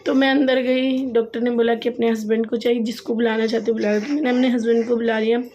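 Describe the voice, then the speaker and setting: A woman's voice: fairly high pitch, level tone, quick pace, mellow. Chatty young woman recounting a story. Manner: chatty, repeats phrases for emphasis, laughs at herself. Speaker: vlogger. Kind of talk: casual storytelling to camera.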